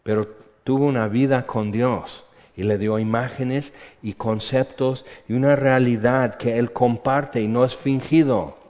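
An older man preaching a sermon, animated and conversational, dropping to a hush for emphasis. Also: medium pitch, a little slow. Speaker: pastor. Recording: echoey hall, dull lo-fi sound.

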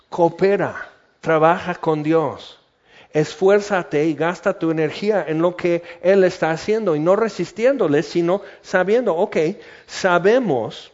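A man's voice: fairly high pitch, a little mellow. A man preaching a conversational, humorous sermon and acting out everyday scenes. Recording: muffled lo-fi recording.

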